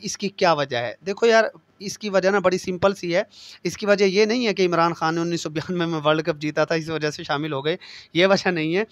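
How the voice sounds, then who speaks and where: A man with a Pakistani Urdu accent runs a relaxed exam-prep lesson in a fairly high voice, chatting to his students as he goes. He keeps handing them tricks for remembering facts. The recording is close and dry, with no room sound. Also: no echo. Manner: chatty, addresses students directly, memory tricks. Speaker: teacher for competitive exams. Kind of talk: casual classroom lecture.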